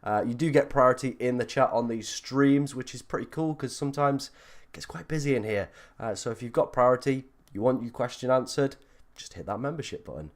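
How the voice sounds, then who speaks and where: Croaky, under-the-weather male livestream host. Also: mid-range voice, fairly quick. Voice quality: croaky, froggy voice. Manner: chatty, informal, self-deprecating. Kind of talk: casual livestream chat.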